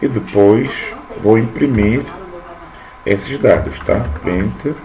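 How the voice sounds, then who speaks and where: A man in his thirties teaches programming in a screen-recorded coding lesson, talking as he types code and often checking in with "tá?". His voice is on the low side, a little mellow, and slow-paced, set against noisy room ambience.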